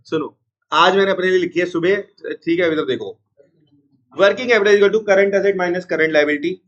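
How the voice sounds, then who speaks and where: A man teaching an accounts class, unwell with a strained chest, repeating formulas slowly and scolding noisy students. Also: high-pitched, a bit bright, highs cut off. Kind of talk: classroom lecture.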